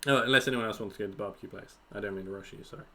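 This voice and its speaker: A man's voice: on the low side, very fast, creaky, bright, forceful tone. A man narrating as game master of a tabletop game, stammering and repeating words as he goes.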